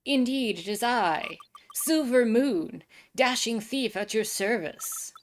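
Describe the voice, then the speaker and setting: Casting: theatrical thief villain played by a woman, slow grand menace, game dialogue, some background noise. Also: a little high, expressive. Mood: grand flourish.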